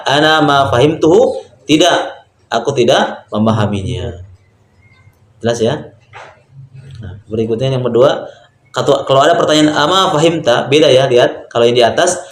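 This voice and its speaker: A man's voice: medium pitch, a little hiss or hum. Patient male Arabic teacher, echoey room. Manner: patient, explains step by step, often says "Masya Allah". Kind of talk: online Arabic grammar lesson.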